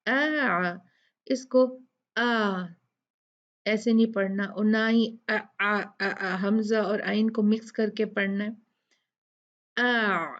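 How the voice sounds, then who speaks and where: A woman teaching Quran recitation rules, speaking patiently and repeating drawn-out sounds for her students, with a Pakistani Urdu accent. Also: mid-range voice, darkish tone, lo-fi sound. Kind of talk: slow tajweed lesson with recitation.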